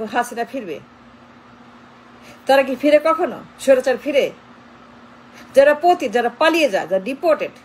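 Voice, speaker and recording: A woman's voice: high voice, darkish tone, slight background noise, rough recording. A woman giving a political commentary monologue, emphatic and insistent, driving her points home with repeated rhetorical questions.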